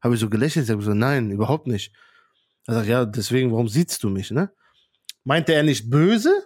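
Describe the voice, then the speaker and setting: A man's voice: mid-range voice, animated, fast, a little mellow, no room sound, clean studio sound. A man co-hosting a podcast, telling a story earnestly and unhurriedly in casual chat. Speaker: podcast co-host.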